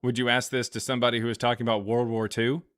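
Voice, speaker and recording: A man's voice: mid-range voice, level tone, fast talker, a bit bright, clean tone. A man hosting a live stream, chatting casually and arguing bluntly, often laughing. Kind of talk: casual debate chat.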